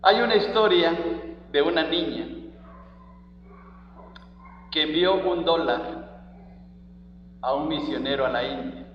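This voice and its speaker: A man's voice: fairly high pitch, slow pace, pauses often, lo-fi sound, slight background noise. A man preaching a sermon as pastor, reading scripture with emphatic stress on each phrase, recorded in a church hall.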